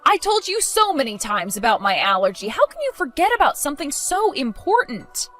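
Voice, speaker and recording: A protective young mother, voiced by a woman in a dramatized story, cutting and sarcastic, her high voice leaping with scorn. Faint music runs underneath. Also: huge pitch swings, fairly quick, bright, forceful tone, exaggerated voice. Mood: accusing. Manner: accusing, sarcastic.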